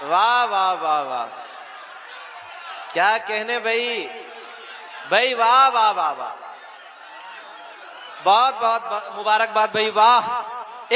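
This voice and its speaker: Very high-voiced man hosting a noisy poetry gathering. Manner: effusive, calling out praise. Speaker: mushaira host. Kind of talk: compering and praising from the stage. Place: outdoor stage before a crowd. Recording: noisy live crowd recording. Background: crowd and noise.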